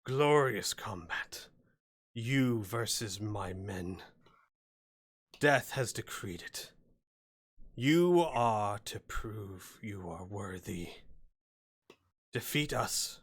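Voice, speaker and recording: A man voicing a menacing, grandiose hobgoblin war leader for a tabletop game, proclaiming slowly and solemnly. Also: on the low side, animated, breathy edge, full character voice. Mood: grandiose challenge. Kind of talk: tabletop villain role-play.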